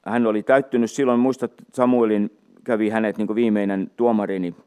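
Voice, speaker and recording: Low-voiced man teaching from the Bible. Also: steady tone, dark tone, clean tone. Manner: unhurried, many fillers and restarts, reads scripture aloud. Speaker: preacher.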